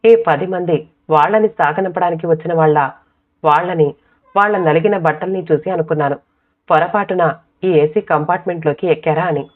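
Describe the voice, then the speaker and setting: A woman narrating an audiobook short story in a calm, measured reading voice. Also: on the low side. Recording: tinny, phone-like sound.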